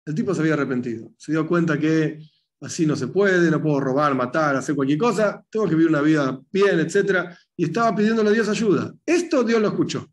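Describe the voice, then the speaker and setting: A man teaching a conversational religious lesson as a rabbi, retelling stories with animated delivery and acted-out voices. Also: fairly high pitch, fast talker. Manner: animated storytelling, acting out voices in retold stories.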